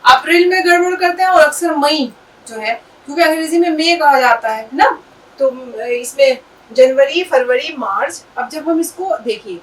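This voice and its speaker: A woman's voice: high-pitched, expressive. A woman teaching an Urdu lesson, patiently explaining and spelling words out letter by letter. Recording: distant mic with faint background noise.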